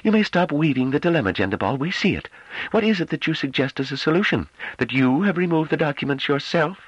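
A man's voice: fairly high pitch, very animated, moderate pace, husky, no echo, highs cut off, pitched above the performer's own voice. A man reading an audiobook, voicing a scornful, impatient woman on a ruling council who talks in a mocking, dismissive way. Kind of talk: audiobook character voice.

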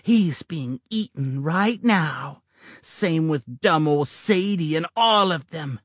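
A man's voice: fairly high pitch, animated, slow, a bit bright, no room sound, studio quality, voice pushed up, heavily acted. A man voicing a cruel little girl who lives inside a child's head, speaking in a hissing, taunting whisper.

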